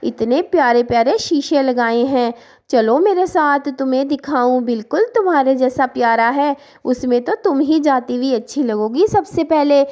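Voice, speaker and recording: A woman voicing a scheming, sweet-talking female kite bird in a cartoon story, coaxing her prey with gushing flattery. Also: high-pitched, normal speed, natural voice. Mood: flattering.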